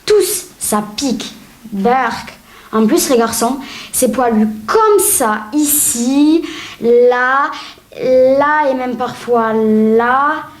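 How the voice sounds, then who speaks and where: A woman doing a sassy high-voiced comic rant. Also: animated, extremely slow, exaggerated voice. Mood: mocking. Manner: sassy, mocking complaints. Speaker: acting student at a casting. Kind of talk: comic sketch acting. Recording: echoey room.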